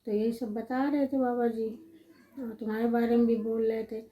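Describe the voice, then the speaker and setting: Middle-aged woman, homey storyteller, soft warm voice, somewhat high but level delivery, gentle and reminiscing. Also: level tone, moderate pace, low-quality recording. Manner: gentle, repetitive listing, reminiscing. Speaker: vlogger recalling her family life. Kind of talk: casual personal storytelling.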